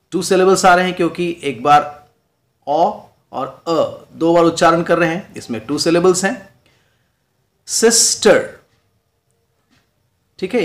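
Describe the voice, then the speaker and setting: Hindi-speaking male teacher explaining poetry. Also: on the high side. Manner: mixes English terms into explanations, checks in with "right?". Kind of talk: classroom lecture.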